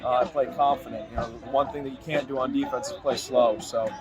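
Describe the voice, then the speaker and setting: A man being interviewed as a high school football coach, answering in a quick, plain-spoken way with fillers. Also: fairly even intonation, muffled recording.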